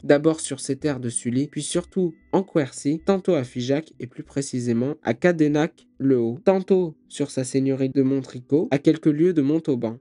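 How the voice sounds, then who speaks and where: A man giving scripted narration for a history video, reading in a steady documentary manner. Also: medium pitch.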